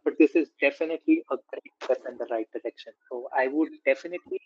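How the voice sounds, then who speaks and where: A man's voice: mid-range voice, fast, a little mellow, lo-fi sound, slight background noise. A man from India co-hosting a casual tech chat, speaking loosely with many fillers. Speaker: podcast co-host.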